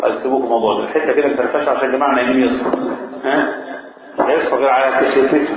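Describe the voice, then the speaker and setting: A high-voiced Egyptian man teaches a mosque lesson, quizzing his listeners and drawing out repeated phrases. He sounds tinny, as if over a phone line, and booms in a very echoey hall. A crowd murmurs behind him. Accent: Egyptian Arabic. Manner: asks the listeners questions and repeats phrases slowly. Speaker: sheikh teaching a religious lesson.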